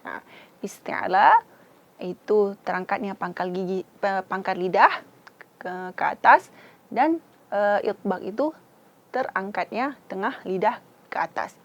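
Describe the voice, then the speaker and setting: Slow, patient female Quran teacher. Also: medium pitch, highs cut off. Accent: Acehnese. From Indonesia. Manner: patient, demonstrates sounds syllable by syllable. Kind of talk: slow, careful tajwid instruction.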